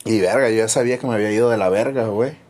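A young man with a Mexican accent, chatting casually as a podcast co-host and telling stories in a slangy, swearing, animated way. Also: fairly low pitch, racing. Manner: slangy, animated storyteller who swears a lot. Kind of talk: casual chat.

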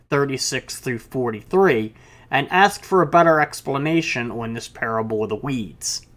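Slow-preaching male pastor. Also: fairly high pitch, a bit bright. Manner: slow, deliberate preaching with casual asides. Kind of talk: sermon with scripture reading.

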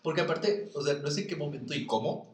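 A man's voice: on the high side, fast talker. Young mexican guy rambling through a funny story, lots of laughs, voice bouncing all over, echoey room and a bit far from the mic. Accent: Mexican Spanish. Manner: animated, laughs often, mimics voices in anecdotes. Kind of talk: casual storytelling chat.

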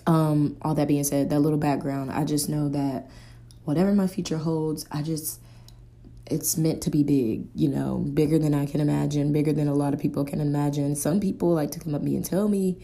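Girl in her 20s podcasting solo, gravelly low voice, just rambles and searches for words. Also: fairly even intonation, brisk, mellow. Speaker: podcast host. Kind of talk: casual solo podcast monologue.

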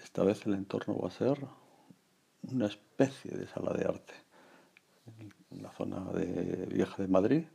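Older guy rambling on his podcast, super gravelly, kinda husky. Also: deep voice, measured pace, long pauses, mellow. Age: around 60. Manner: rambling, reflective, many fillers and restarts. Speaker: podcast host. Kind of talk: casual personal monologue.

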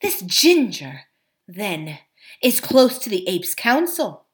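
A woman's voice: mid-range voice, very animated, takes it slowly. A woman voicing an indignant young king. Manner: indignant exclamations. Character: young male king, proud and outraged.

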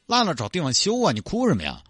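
A man acting as an exasperated highway traffic cop who scolds a stranded driver with incredulous questions. His pitch rises and falls a lot, and the sound is close and dry. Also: wildly swooping pitch, fast, fairly bright tone, husky, dry recording, soft background music, heavily acted.

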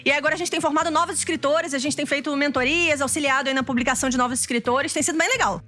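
A woman's voice: sits high, very fast, pushed and bright, faint music behind. A young woman, a bubbly, slangy podcast guest chatting casually. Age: young adult. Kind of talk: casual chat.

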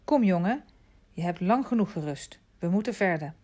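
A stern yet kindly older showman speaks firmly and then coaxes gently, with a low, grounded voice in a read-aloud storybook, as a woman narrator puts him on. His tone stays resolute but never harsh. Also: expressive, normal speed. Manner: firm, then gently persuasive.

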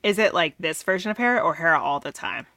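A woman's voice: fairly low pitch, quick pace, dry recording. A woman guesting on a podcast, chatting animatedly with gasps and frequent laughter. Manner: animated, gasping, laughing often. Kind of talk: casual podcast chat.

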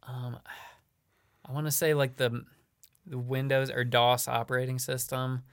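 A man's voice: mid-range voice, level tone, measured pace, no echo, studio quality. A man chatting casually as a podcast guest, rambling with lots of fillers and frequent laughs. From Illinois. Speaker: podcast guest, comedian and show producer.

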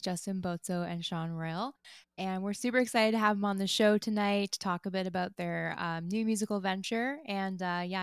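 A woman's voice: lowish voice, clean tone, no room sound, studio quality. A woman co-hosting a casual podcast chat and introducing guests cheerfully. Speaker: podcast co-host.

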